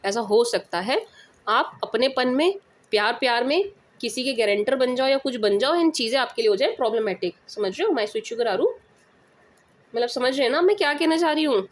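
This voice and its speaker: A woman's voice: a little high, expressive, normal speed. Emphatic Indian woman tarot reader. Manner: emphatic, repeats checks like "understand?"; affectionate pet names for listeners. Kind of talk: casual tarot reading to viewers.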